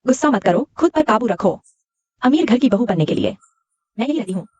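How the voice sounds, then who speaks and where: Scheming young woman chasing a rich husband, breathy and sweet-talking, dry studio dub. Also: fairly high pitch, animated, brisk, a little mellow, no echo, dull audio. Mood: coaxing. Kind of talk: Hindi drama dubbing.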